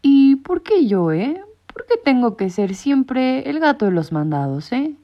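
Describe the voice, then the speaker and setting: A woman's voice: sits high, big pitch swings, unhurried, pitched above the performer's own voice, full character voice. A woman voicing a put-upon male cat who whines and complains about running errands. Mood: grumbling. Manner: whiny complaining. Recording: muffled lo-fi recording.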